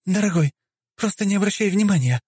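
A man's voice: sits high, lively intonation, brisk, darkish tone, husky, dry recording, clean studio sound, pitched above the performer's own voice. A man reading an audiobook, voicing a fierce young wife who fights while cooing at her husband. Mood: sweetly doting. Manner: sweet to her husband, scornful to her rival. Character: doting, fierce young wife, a battle mage.

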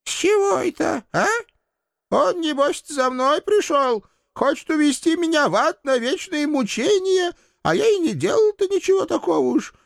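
Man voicing a shrill, creaky old landlady. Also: lively intonation, normal speed, no room sound, studio quality, exaggerated voice. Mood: threatening. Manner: folksy, scolding, threatening. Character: cantankerous old village landlady with a shotgun.

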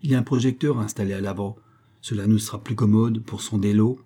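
A man voicing a bandit henchman who offers a quick, eager suggestion. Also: on the low side, steady tone, mellow, breathy edge.

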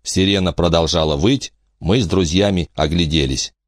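A man narrating an audiobook in the first person with expressive storytelling. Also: low voice, normal speed, dry recording, studio quality.

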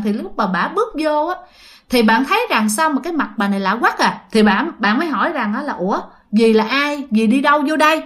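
A woman's voice: fairly high pitch, a bit bright. A woman telling a ghost story in a chatty way, speaking to her listeners. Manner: chatty, addresses listeners, many fillers. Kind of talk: casual storytelling.

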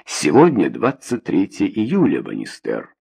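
A man voicing a cold, smug male boss in an audiobook, dropping his voice very low. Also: huge pitch swings, a little slow, vocal fry, warm tone, slightly rough, exaggerated voice. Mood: gloating. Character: cold, gloating male boss firing an employee.

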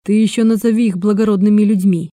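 A woman's voice: mid-range voice, fairly even intonation, quick pace, warm tone, no room sound, studio quality, close to an everyday voice. A woman voicing a tired, bitter male agent who speaks through his teeth.

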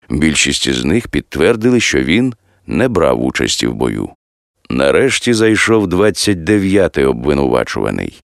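A man narrating an audiobook with expressive storytelling. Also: low-pitched, gravelly, dry recording, studio quality.

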